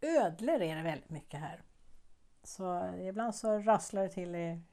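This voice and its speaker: A woman with a slightly low voice chats casually to her viewers in an informal vlog. She rambles and thinks out loud, breaking into soft laughs between her thoughts. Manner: chatty, rambling, musing aloud with soft laughs. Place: living abroad in a warm place.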